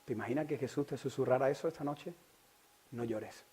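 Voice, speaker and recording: A man from Spain preaching a sermon, asking the listeners direct questions and swinging from loud preaching to hushed whispers. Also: medium pitch, rapid-fire, husky. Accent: Spain Spanish. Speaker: pastor.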